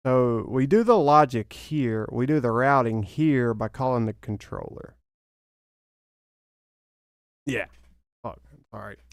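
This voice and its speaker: Southern male coder, gravelly voice, dry close sound, mutters and swears at his screen. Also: mid-range voice, lively intonation, measured pace, dry recording. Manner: muttering to himself, swearing at mistakes. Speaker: programmer streaming his work. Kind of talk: thinking aloud while coding.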